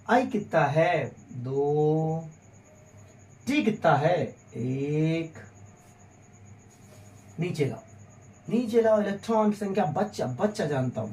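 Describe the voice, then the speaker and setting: A man's voice: on the high side, darkish tone, roomy sound, recorded from a distance. A man teaching a physics lesson, solving problems step by step on the board and talking in a teasing, chatty way to his pupils. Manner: joking, teasing, chatty, addresses pupils as "beta".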